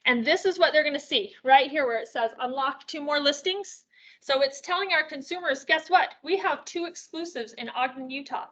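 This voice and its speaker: Presenting tools at a real estate sales meeting, a woman speaks at normal speed in a high, pushed, bright voice, captured on a muffled recording. She's upbeat and chatty, poses rhetorical questions, and sounds a little out of breath.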